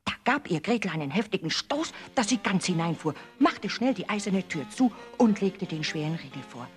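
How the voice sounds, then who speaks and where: A woman narrating a fairy tale in a measured, expressive storybook reading. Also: on the low side, soft background music.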